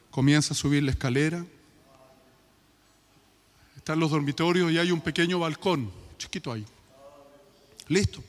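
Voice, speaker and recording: Man, Chilean accent, pastor, sermon, storytelling, impassioned, slightly high voice, long church reverb. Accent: Chilean Spanish. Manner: storytelling, rising to impassioned pleading. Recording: reverberant church hall with music.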